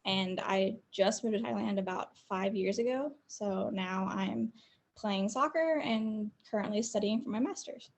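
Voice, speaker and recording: Gravelly, upbeat young woman. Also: mid-range voice, a little slow, slight background noise. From United States, the South. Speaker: guest, football player. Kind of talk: casual interview over a video call. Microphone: video call.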